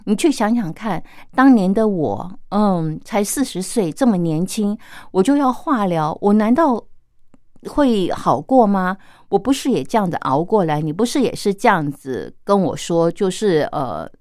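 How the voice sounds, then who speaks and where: A woman's voice: mid-range voice, sing-song, measured pace, darkish tone, no room sound, clean studio sound. Woman doing a lecturing, insistent cousin.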